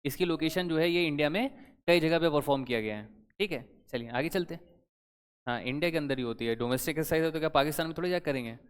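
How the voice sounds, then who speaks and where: A man's voice: on the high side, quick pace, smooth. Man teaching in a reverberant hall. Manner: conversational, quizzing students with rhetorical questions. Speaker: current affairs teacher. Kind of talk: exam-prep lecture.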